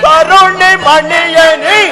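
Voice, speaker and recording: A man playing the mighty prince Bhima in a village stage drama, singing drawn-out verses and declaiming to his wife. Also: very high-pitched, steady tone, a crowd in the background, exaggerated voice. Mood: soothing, sung. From Karnataka. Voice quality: sings drawn-out verses, declaims dialogue in bursts. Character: mighty prince Bhima, devoted protective husband. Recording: live stage recording over loud music.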